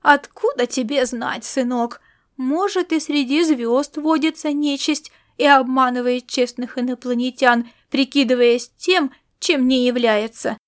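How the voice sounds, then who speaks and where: A fierce old grandmother, superstitious and quick to anger, shrieking curses high and loud, as a woman puts her on in an audiobook. Her voice sits well up in pitch and sweeps widely, scolding one moment and whispering the next. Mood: grumbling. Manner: shrill scolding, turns to sobbing and whispers. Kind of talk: audiobook character voice.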